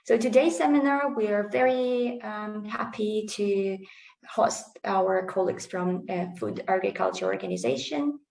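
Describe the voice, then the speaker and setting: A woman hosting an online seminar, introducing guests haltingly with many fillers over a video call. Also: mid-range voice, vocal fry, a little mellow. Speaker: seminar host. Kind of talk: webinar introduction. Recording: roomy, distant mic.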